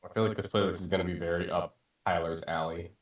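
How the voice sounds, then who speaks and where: A man's voice: low voice, fairly even intonation, fast. A man running a game server, chatting casually with his players in a blunt, profane way. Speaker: game master and server owner. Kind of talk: casual chat among players. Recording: roomy, distant mic with noise.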